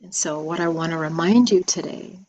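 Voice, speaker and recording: A woman giving a spiritual message video, soft-spoken and reflective, with many pauses and ums. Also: deep voice, highs cut off, slight background noise. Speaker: spiritual teacher.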